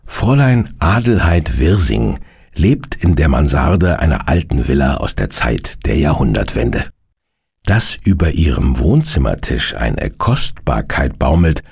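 Brief: male narrator for a children's audio drama, gravelly voice, lively tone. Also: rumbling low, a little slow. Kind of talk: scripted storytelling for children.

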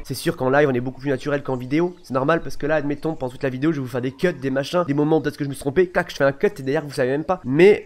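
Rapid-talking young man rambling. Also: mid-range voice. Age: 20s. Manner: rambling, repeats himself, self-correcting. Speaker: gaming YouTuber and streamer. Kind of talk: casual Q&A vlog talk.

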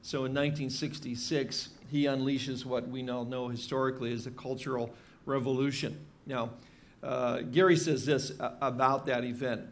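A man's voice: mid-range voice, steady tone, normal speed. Man preaching a conversational sermon. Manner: conversational, many fillers and restarts. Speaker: pastor. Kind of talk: expository sermon. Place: church stage with drum kit behind.

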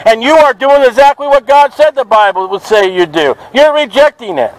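A man preaching outdoors at a market, forceful and confrontational, quoting scripture to passers-by. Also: extremely high pitch, lively intonation, normal speed, dry recording, rough recording. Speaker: street preacher. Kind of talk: open-air street preaching. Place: outdoors at a city market by traffic.

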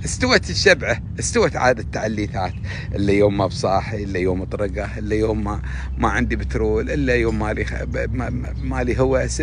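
A man with an Emirati accent talking casually to his audience, giving rambling, preachy advice that jumps up in pitch and loudness. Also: slight background noise. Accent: Emirati Gulf Arabic. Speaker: social media host.

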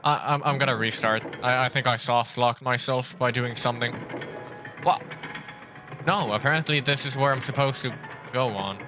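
A man's voice: mid-range voice, moderate pace. Young guy livestreaming a game at his desk, keeps repeating himself, lost, game music going behind him. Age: young adult. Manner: confused, rambling, repeats words. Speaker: streamer. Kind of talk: live gameplay commentary. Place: small room indoors.

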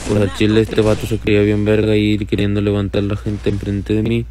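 A man's voice: fairly low pitch, monotone, fairly quick, warm tone, a little hiss or hum. A man telling a crude, swaggering comic story full of slang.

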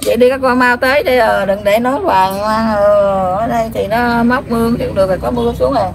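A woman with a Southern Vietnamese accent, speaking in trance as a grandmother spirit in a scolding, rambling, repetitive way full of drawn-out fillers. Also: on the high side, steady tone, a little hiss or hum. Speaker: spirit medium.

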